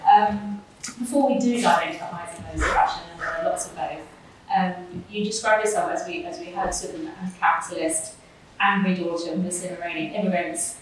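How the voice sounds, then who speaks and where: A woman's voice: lowish voice, fairly quick, crowd noise. Woman moderating in an echoey hall. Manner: warm-hosting, questioning with fillers and restarts. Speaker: interviewer and moderator. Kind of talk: live on-stage interview. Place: live event venue before an audience. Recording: echoey distant room recording with noise.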